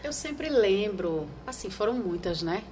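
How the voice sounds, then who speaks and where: A woman from Brazil with a Northeastern Brazilian accent, a former TV news anchor telling stories in an interview, animated and acting out remembered voices. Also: medium pitch, unhurried, faint music behind. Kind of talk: conversational interview.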